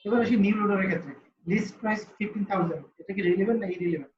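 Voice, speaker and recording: Fast-talking teacher quizzing his class. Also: high-pitched, darkish tone, slight background noise. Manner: quizzes students, answers own questions. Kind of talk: online class, question-and-answer teaching. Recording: roomy, slightly dull call audio with faint ambience.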